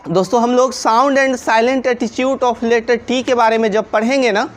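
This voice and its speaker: A woman with a fairly high voice and a Hindi accent leads a video lesson in the tone of a patient classroom teacher. She spells words out one letter at a time, then asks her viewers a question and answers it herself. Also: steady tone, unhurried. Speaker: English pronunciation teacher.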